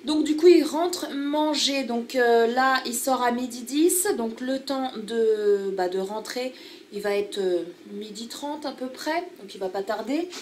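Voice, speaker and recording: A woman's voice: on the high side, unhurried, a little mellow, slight background noise. A woman, chatting casually about her family's daily routine in a home vlog. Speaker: family vlogger.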